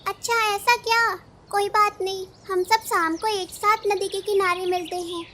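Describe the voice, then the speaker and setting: A woman's voice: extremely high pitch, steady tone, normal speed, bright, forceful tone, a little hiss or hum. A woman voicing a sociable male parrot in a cartoon, chatty and polite. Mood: cheerful.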